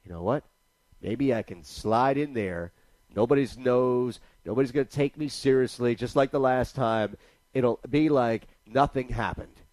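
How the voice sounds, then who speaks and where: A man voicing a cocky, clueless male football player who talks fast and plays innocent. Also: a little high, expressive, no echo, natural voice. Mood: scheming. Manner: breezy, fast-talking, feigning innocence.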